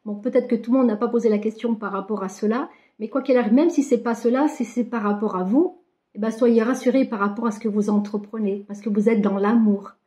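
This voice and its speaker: A woman's voice: on the high side, fairly even intonation, a little fast, mellow. A woman card reader giving a weekly spiritual guidance to her viewers, affectionate and encouraging, with frequent little fillers. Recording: dull lo-fi sound.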